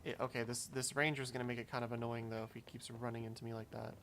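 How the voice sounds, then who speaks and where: A man's voice: mid-range voice, level tone, fast, fairly bright tone, slight background noise. A man streaming a video game, chatting and thinking aloud as he plays. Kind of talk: casual gameplay commentary.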